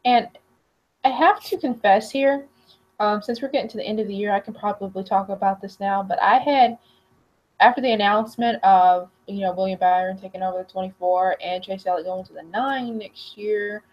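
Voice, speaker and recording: A woman's voice: mid-range voice, moderate pace. A young woman co-hosting a podcast, chatting casually, laughing and often restarting her sentences. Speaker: podcast co-host. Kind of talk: casual chat. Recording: slightly dull lo-fi audio.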